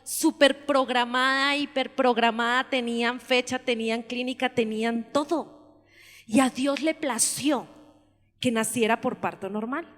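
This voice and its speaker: A woman pastor with a Colombian accent delivers a storytelling sermon. She sounds lively and animated, and her voice sits fairly high. Her words carry a long reverb from the church hall. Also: a little slow.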